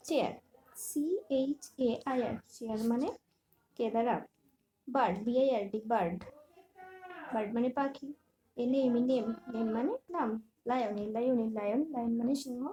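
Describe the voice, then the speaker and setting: A woman teaching a primary English lesson, spelling each word letter by letter and giving its meaning in a slow, deliberate way. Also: on the high side, rough recording. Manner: spells words letter by letter, then gives meanings. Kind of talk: reading out an English workbook lesson.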